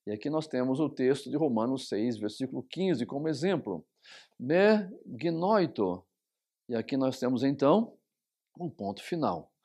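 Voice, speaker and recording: A man, a pastor teaching a recorded Bible study on biblical Greek. He explains patiently, repeats terms, and slows down to spell out Greek words. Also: medium pitch, animated, warm tone, breathy edge.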